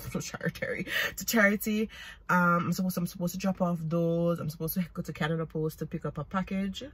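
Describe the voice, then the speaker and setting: A young woman with a Jamaican accent chatting casually to her viewers while driving, rambling and poking fun at herself. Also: lowish voice. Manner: chatty, rambling, self-mocking. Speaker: vlogger. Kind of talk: casual driving vlog chat. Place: inside a car. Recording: loud car and road noise.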